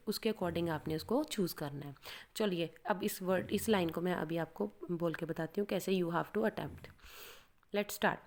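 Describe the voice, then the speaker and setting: Lady teaching exam prep, chatty and friendly, reads example lines real slow. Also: lowish voice, a little mellow. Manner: reads sample sentences aloud very slowly and deliberately; friendly, addresses learners as beta. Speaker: PTE exam coach. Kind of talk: casual Hinglish teaching.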